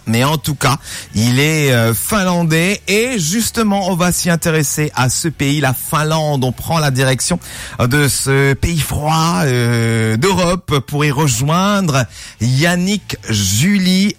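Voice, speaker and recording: A man hosting a live radio interview, animated and laughing often. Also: a little high, no echo. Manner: animated, laughs often, switches between French, Creole and English. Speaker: radio host.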